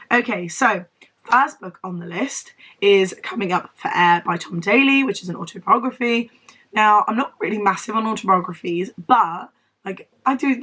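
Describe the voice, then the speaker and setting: This young book vlogger from Devon has a southern English accent and a mid-range, slightly bright voice that comes out wheezy and strained because she is ill. Losing her voice, she rambles casually to camera, making fun of herself.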